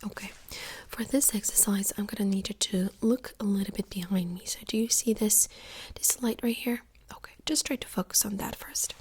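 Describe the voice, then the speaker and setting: Woman, whispered role-play, ASMR doctor, breathy and husky, gentle, reassuring, step-by-step instructions, medium pitch. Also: moderate pace. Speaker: ASMR performer playing a doctor giving an exam. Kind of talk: whispered role-play, soft-spoken ASMR medical exam.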